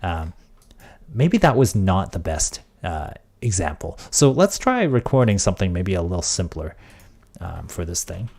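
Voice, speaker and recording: Low-voiced man muttering through a tech stream. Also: sing-song, normal speed, vocal fry. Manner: thinking aloud, trailing off into quiet mutters. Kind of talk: casual tech livestream.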